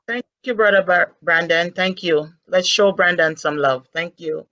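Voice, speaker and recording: A woman's voice: fairly low pitch, a little slow, sharp tone. A woman moderating a conference, carefully reading a speaker's bio with small slips. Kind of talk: introducing speakers. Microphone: video call. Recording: dull lo-fi video call audio.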